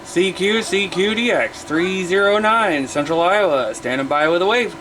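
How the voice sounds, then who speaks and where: Over a very noisy background, a high-voiced American CB radio enthusiast talks at a moderate pace, mixing casual radio chatter with other operators and vlog-style remarks to his viewers.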